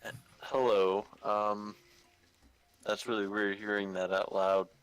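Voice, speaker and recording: Lower-voiced guy playing a tabletop game, lots of um, kinda unsure. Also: flat delivery, slow, clean tone, dry recording, low-quality recording. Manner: hesitant, many ums. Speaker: player. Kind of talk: casual tabletop game chat.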